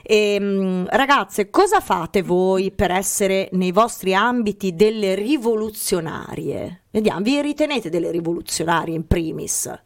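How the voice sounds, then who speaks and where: A woman's voice: medium pitch, expressive, unhurried, few pauses. A woman hosting a casual radio interview through a face mask, talking playfully and wordily and often interrupting herself. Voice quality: slightly muffled by a face mask. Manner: playful, wordy, self-interrupting. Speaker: podcast host and interviewer.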